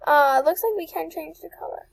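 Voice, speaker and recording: A young woman chatting excitedly through a walkthrough of an avatar creator, with apologetic asides. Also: very high-pitched, normal speed, vocal fry, low-quality recording. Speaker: channel host reviewing avatar creators. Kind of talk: casual screen-recording walkthrough.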